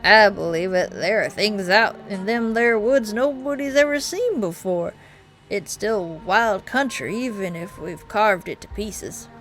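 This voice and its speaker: A woman's voice: medium pitch, lively intonation, measured pace, a bit bright, soft background music, low-quality recording. A woman voicing a blunt, superstitious old-timer miner in a video game, with a rural Southern drawl. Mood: wary, folksy.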